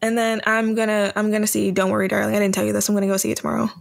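A woman's voice: medium pitch, flat delivery, racing, gravelly. A young adult woman co-hosting a podcast, talking in a laid-back, dry, sarcastic way. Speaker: podcast co-host. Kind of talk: casual chat.

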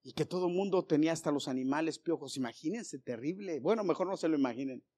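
A man's voice: fairly high pitch, fast talker, dark tone. A middle-aged man preaching a sermon, telling stories with jokes and calling his listeners brothers. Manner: storytelling with jokes, addresses congregation as brothers.

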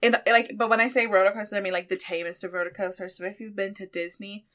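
A woman's voice: mid-range voice, steady tone, a bit bright. A woman co-hosting a podcast, chatting casually and teasing her older sister. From Ireland. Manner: chatty, teasing, quick to laugh. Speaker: podcast co-host. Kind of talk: casual chat. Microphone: headphones, studio mic.

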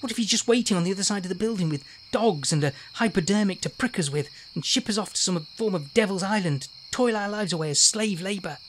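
A man's voice: sits high, quick pace, hardly any pauses, slight background noise. A middle-aged man co-hosting a podcast who plays a bossy, sarcastic schemer in a comedy sketch. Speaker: podcast co-host.

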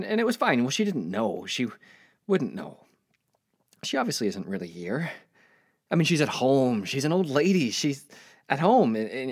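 A man narrating a first-person story in a weary, reflective, rambling way. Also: mid-range voice.

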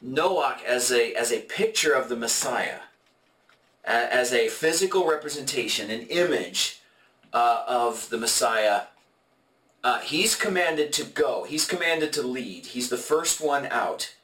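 Halting man teaching a Bible study. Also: mid-range voice, animated, a bit bright. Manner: halting and explanatory, many fillers and restarts. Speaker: podcast co-host leading a Bible study. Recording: echoey room, mic at a distance.

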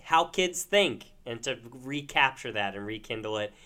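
Bright-voiced guy on a podcast, gushing and enthusiastic, laughs a lot. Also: mid-range voice, lively intonation, moderate pace, smooth. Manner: enthusiastic, effusive, laughs often. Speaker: podcast co-host. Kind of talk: casual chat.

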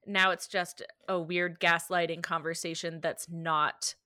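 A woman's voice: on the low side, a little slow, no echo, studio quality. A woman co-hosting a podcast, chatting casually and animatedly. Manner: animated, laughs easily. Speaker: podcast co-host. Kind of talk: casual chat recapping an anime.

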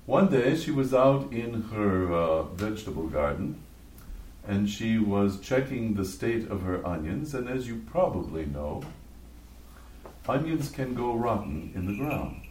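A man, a bishop, telling a story in a sermon with deliberate, animated delivery. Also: lowish voice. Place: church. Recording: echoey church from far off.

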